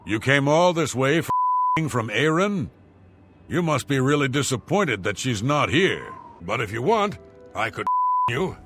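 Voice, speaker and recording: A man's voice: mid-range voice, sing-song, a little slow, over music. A man voicing a chatty, forward townsman in a fantasy game, in scripted dialogue.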